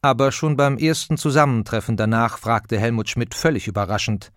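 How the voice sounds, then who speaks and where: A man reading an audiobook introduction in a measured, even studio narration. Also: mid-range voice, dry recording.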